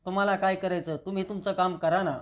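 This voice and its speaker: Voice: medium pitch, steady tone, fast, lightly acted. The narrator reading the lines of an irritated father who works as a government officer, speaking curtly and bitterly. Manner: curt, bitter complaining.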